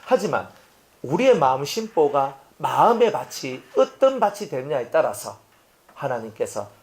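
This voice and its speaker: A male pastor preaching a sermon, animated and asking the congregation rhetorical questions. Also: fairly high pitch, normal speed.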